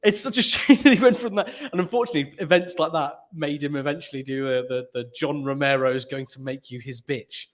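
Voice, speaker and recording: A man's voice: fairly high pitch, fairly quick, hardly any pauses. A British man in casual podcast chat, a rambling storyteller who laughs often. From Britain. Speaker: podcast co-host.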